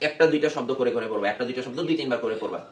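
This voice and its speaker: A man's voice: medium pitch, very fast. A male teacher giving a classroom lesson, patiently repeating phrases for his students. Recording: echoey classroom, faint noise.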